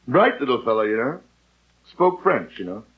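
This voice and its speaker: An actor playing an exasperated, pompous husband with a theatrical, grumbling manner in an old radio comedy. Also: male voice, medium pitch, sing-song, normal speed, close to an everyday voice. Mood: wry, softening. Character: exasperated, pompous married man with a beard. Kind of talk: 1940s-50s radio comedy acting. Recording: dull vintage radio recording.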